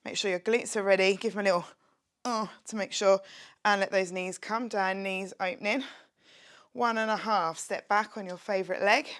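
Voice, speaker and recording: A woman's voice: medium pitch, steady tone, normal speed, fairly bright tone, smooth. Upbeat woman coaching a workout. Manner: upbeat, encouraging, chatty with jokes; exercising while talking, drops to a whisper at times. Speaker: fitness instructor. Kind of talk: home workout instruction. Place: her home, near a street window.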